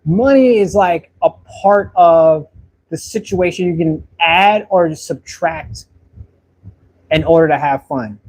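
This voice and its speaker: A man's voice: fairly high pitch, slow, a little mellow. A man in his thirties chatting casually while painting, answering viewers' comments in a rambling, friendly way and repeating words as he thinks. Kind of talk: casual live-stream chat while painting.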